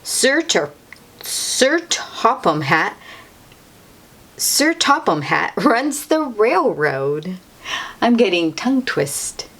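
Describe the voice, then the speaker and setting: Her medium-pitched, fairly bright voice is very animated, and she reads extremely slowly. As host of a children's read-aloud, she handles the picture book like a teacher, repeating and stressing key words while talking straight to the young listener.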